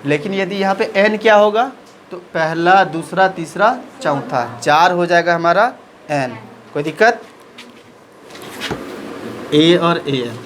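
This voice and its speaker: A man's voice: high voice, slow, pauses often, a bit bright, a little hiss or hum, poor audio. A man teaching a maths lesson in speech, asking questions and answering them himself.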